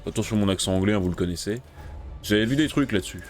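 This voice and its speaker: A gaming video creator narrates his own run in a casual let's-play style, his voice sitting on the low side as he talks fast. When things go wrong he swears loudly in frustration, then drops into muttering while he plans his next move.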